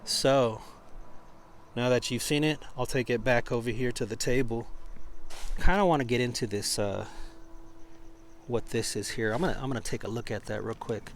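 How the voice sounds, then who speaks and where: A man giving an informal hands-on product demonstration, speaking haltingly as he searches for words. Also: medium pitch, fairly even intonation, slight background noise. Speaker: product reviewer.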